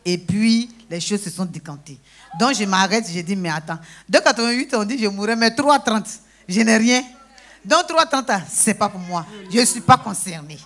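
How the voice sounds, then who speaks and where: A woman giving a lively personal testimony in church, breaking into praise exclamations and acting out conversations. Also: medium pitch, moderate pace. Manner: exclaims praise, acts out dialogue.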